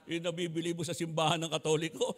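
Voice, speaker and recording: An older man with a Filipino accent preaching a sermon in an animated way, moving between homely storytelling and shouted exhortation. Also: fairly high pitch, fast, big-room sound. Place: church hall.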